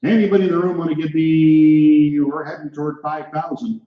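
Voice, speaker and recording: A man's voice: on the high side, little pitch movement, moderate pace. An American man working as an auctioneer, calling a live auction with clipped, climbing numbers and repeated calls to bidders. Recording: echoey room, slightly dull sound.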